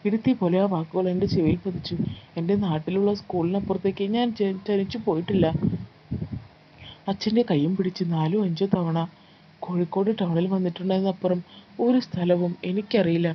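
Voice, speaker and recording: A woman narrating a first-person life story in a calm, steady storytelling read. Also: lowish voice, brisk. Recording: slightly muffled with faint background noise.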